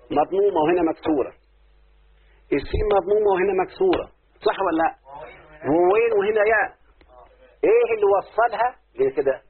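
Man, Egyptian accent, classroom teacher, keeps quizzing students, somewhat high voice, lo-fi phone-line sound. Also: husky. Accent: Egyptian Arabic. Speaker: teacher of Arabic morphology. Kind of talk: classroom lesson. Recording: tinny phone-like lo-fi recording.

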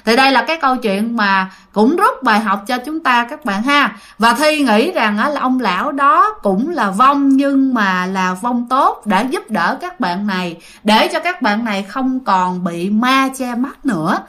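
A woman's voice: on the high side, animated, measured pace, few pauses, sharp tone. A woman narrating a ghost story in a chatty way, often turning to her listeners. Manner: chatty, addresses listeners directly.

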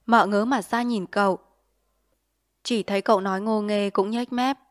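A woman reading a short story aloud in a calm, steady storybook narration. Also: mid-range voice, normal speed, no room sound, clean studio sound. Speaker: audiobook narrator.

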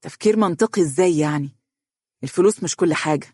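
A principled young co-worker with an Egyptian accent, voiced by the audiobook narrator, firm and quickly heated. Dry, close recording. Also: mid-range voice, fairly even intonation, darkish tone, slightly rough, no room sound, lightly acted. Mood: stern. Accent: Egyptian Arabic.

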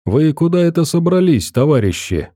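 A man voicing a pompous, fussy male station boss who talks in a shrill, indignant, bossy way. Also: sing-song, a little slow, mellow, dry recording, studio quality.

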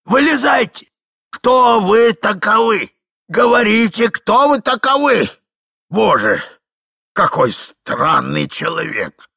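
A man voicing a fussy, frantic elderly husband who shouts in a shrill, flustered way. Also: very animated, slow pace, vocal fry, husky, no room sound, clean studio sound, exaggerated voice. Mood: indignant.

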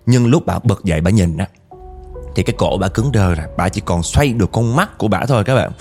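A man's voice: on the low side, expressive, brisk, darkish tone, faint music behind. A man with a Southern Vietnamese accent telling a ghost story in a chatty way, addressing listeners directly. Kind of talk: casual ghost-story narration.

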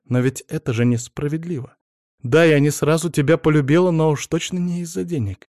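A man reading an audiobook, voicing a proud young wife who speaks with bitter reproach, pitched up a little. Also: fairly quick, darkish tone, no room sound, clean studio sound, natural voice.

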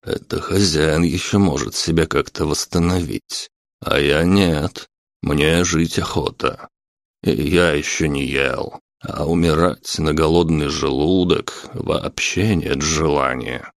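A cheeky talking dog from an audiobook, drawling its words slowly in a low, dark voice, as a man puts it on. The sound is dry and close, with no room around it. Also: creaky, no echo, exaggerated voice. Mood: pleading.

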